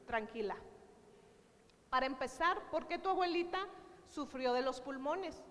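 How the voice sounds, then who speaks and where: A woman's voice: sits high, big-room sound. A woman preacher giving a sermon, talking straight to her congregation and retelling conversations in quoted dialogue. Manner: earnest, direct address to the congregation.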